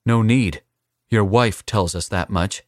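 A man voicing a young captive assassin who is defiant and taunting, in a higher, strained and sneering voice. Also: slow, dry recording, studio quality.

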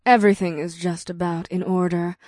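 A man voicing an affectionate, gently teasing succubus woman in a spoken story, lifting his voice high and soft. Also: little pitch movement, a little fast, no room sound, studio quality, natural voice.

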